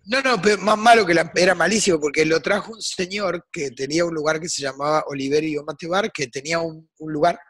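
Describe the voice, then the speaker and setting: Older Rioplatense man, guest musician, husky raised voice, emphatic and swinging between hush and shouts. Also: fairly high pitch, fairly quick, few pauses. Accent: Rioplatense Spanish. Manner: emphatic, swings from hushed to loud. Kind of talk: impassioned interview monologue.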